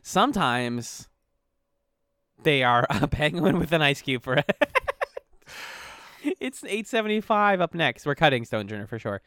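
Smooth-voiced man on a podcast. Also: on the high side, lively intonation, moderate pace, fairly bright tone, no room sound, clean studio sound. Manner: reads entries aloud, jokey and laughing. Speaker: podcast co-host. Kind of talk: casual podcast chat.

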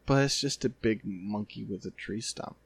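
Laid-back man with quick quips. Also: lowish voice, husky, no room sound. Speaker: podcast co-host. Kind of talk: casual podcast chat.

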